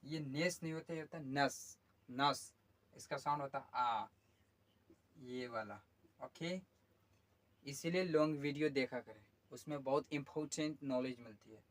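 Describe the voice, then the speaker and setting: A man with a mid-range voice gives an English pronunciation lesson, spelling out each word letter by letter and then saying it slowly and drawn out. He explains patiently, peppering his talk with lots of "okay."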